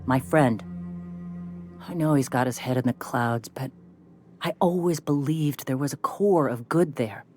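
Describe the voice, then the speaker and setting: A man plays a loyal male crewmate in a video game who sounds hurt and earnest as he talks. His voice sits at a middle pitch, with game music playing clearly behind him. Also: unhurried, darkish tone, lightly acted. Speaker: companion character. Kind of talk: game character dialogue.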